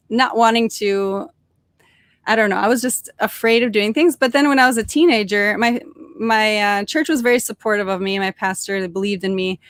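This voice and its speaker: A young adult woman with Norwegian birth and a suburban Detroit upbringing chats cheerfully as a podcast guest, storytelling casually with lots of fillers and restarts. Her voice is a little high, recorded with no echo.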